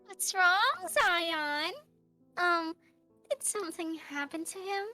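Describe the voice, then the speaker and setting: A woman's voice: very high-pitched, big pitch swings, takes it slowly, pushed and bright, faint music behind, heavily acted. A woman voicing a wild, cheerful young huntress who turns shy around her crush, reading a visual novel aloud. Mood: worried.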